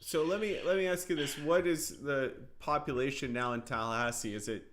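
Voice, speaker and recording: A man with a medium-pitched voice works as the interviewer on a live report. His delivery is conversational and unscripted. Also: brisk, a bit bright.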